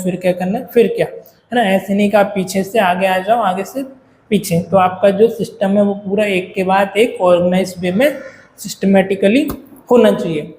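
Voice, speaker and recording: A man with a high, slightly mellow voice gives a lecture, explaining step by step and checking in with the class. He speaks Hinglish, often saying "है ना", in an echoey room with faint ambience and slight background noise.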